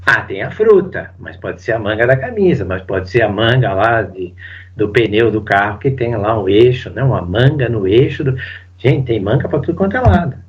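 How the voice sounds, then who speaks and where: A man, a psychoanalyst, giving a casual spoken seminar commentary, animated and full of fillers. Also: medium pitch, moderate pace, dull audio. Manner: animated, uses lots of fillers and acts out quotes. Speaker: psychoanalyst teaching Lacan.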